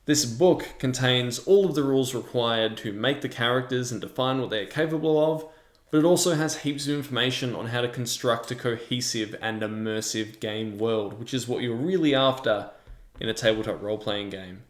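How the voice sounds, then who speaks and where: Presenting his tabletop game review channel, the host narrates in a semi-scripted, measured manner with a mid-range pitch. A clear echo from the reverberant room surrounds his voice as he talks into a large microphone placed before him.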